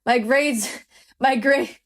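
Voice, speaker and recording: A woman's voice: high-pitched, drawn-out words, heavily acted. A woman reading a sleepy, scatterbrained young producer. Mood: dozy. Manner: casual, easygoing, self-deprecating.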